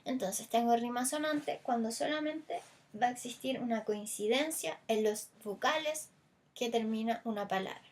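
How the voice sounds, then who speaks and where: A woman's voice: on the high side, normal speed. A Chilean woman teacher explaining a lesson, stretching stressed vowels to demonstrate them and talking things through with small fillers. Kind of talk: recorded language lesson.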